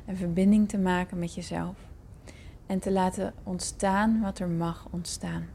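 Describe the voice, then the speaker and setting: A woman's voice: on the low side, steady tone, unhurried, creaky, mellow, slight background noise. A woman hosting a podcast, informally addressing her listeners in an introduction. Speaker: podcast host.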